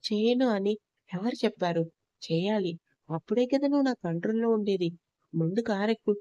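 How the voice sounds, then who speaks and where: A woman's voice: medium pitch, animated, normal speed, dark tone, dry recording, highs cut off, natural voice. Woman reading as a stern threatening husband. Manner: harsh, commanding.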